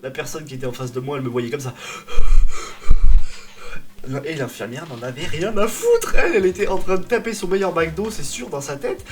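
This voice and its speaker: A man's voice: fairly high pitch, animated, quick pace, noisy background. A young man telling a personal story in a comic vlog style, dramatic, exaggerated and self-mocking. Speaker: vlogger.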